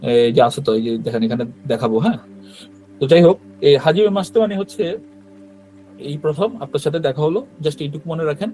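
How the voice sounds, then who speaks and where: A man's voice: a little high, brisk, pauses often, dark tone, soft background music. A man teaching a beginner language class, explaining step by step and often checking that students follow. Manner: explains patiently, keeps checking with "right?".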